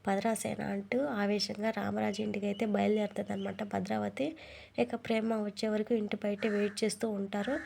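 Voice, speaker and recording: A woman retelling a TV serial episode in plain, flat storytelling with repeated fillers. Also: medium pitch, fairly quick, gravelly, a little hiss or hum. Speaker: narrator.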